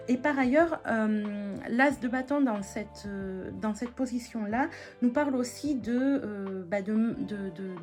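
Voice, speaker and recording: A woman giving a weekly tarot and oracle card reading in a gentle spiritual tone, with many hesitations and restarts. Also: medium pitch.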